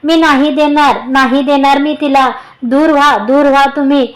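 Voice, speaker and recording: A woman's voice: sits high, fairly even intonation, moderate pace, close to an everyday voice, low-quality recording. A woman voicing a terrified young woman who frantically repeats herself, read aloud in an audio story. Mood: frantic.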